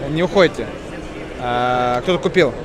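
A man's voice: medium pitch, normal speed. A man interviewing exhibitors at a trade expo, chatting casually and joking, with hesitant fillers. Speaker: video blogger at a trade expo. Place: crowded indoor expo hall. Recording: loud crowd noise behind.

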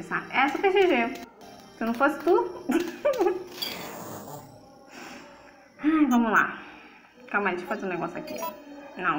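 A Brazilian woman giving live gameplay commentary, excitable, laughing often and chattering to her viewers and the game. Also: mid-range voice, noisy background. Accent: Brazilian Portuguese. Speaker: livestreamer. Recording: roomy echo with game music.

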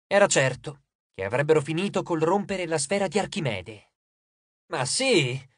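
A man narrating an audiobook in an expressive, lively storytelling manner. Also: on the high side, fairly quick, dry recording, clean studio sound.

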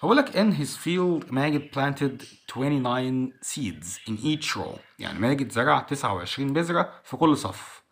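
Egyptian teacher repeating words slowly. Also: male voice, medium pitch, expressive, fairly bright tone, slight background noise. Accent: Egyptian Arabic. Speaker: English teacher. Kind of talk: explaining a school lesson.

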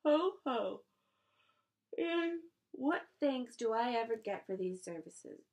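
A woman's voice: on the high side, animated, unhurried, darkish tone, pitched above the performer's own voice. A woman reading aloud, voicing a lazy, selfish male rat who talks in a sarcastic, mocking drawl.

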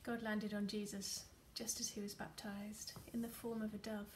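A woman leading a gentle guided meditation while folding paper, talking softly with many fillers and often dropping to a near whisper. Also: medium pitch, little pitch movement, normal speed, noisy background. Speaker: meditation leader. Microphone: computer or phone camera.

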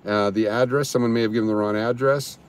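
A man's voice: mid-range voice, fairly even intonation, fast. Casual man livestreaming from the street. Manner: casual, chatty, reads out viewer comments. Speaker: livestream host. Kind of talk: live street commentary. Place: outdoors on a downtown street.

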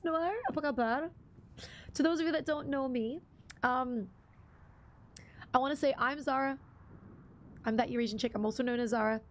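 Chatting casually during a gaming live stream, a young woman greets viewers and reads out chat, filling gaps with lots of ums. She's half English, half Bruneian, with a high-pitched voice and a slight hiss or hum on the recording.

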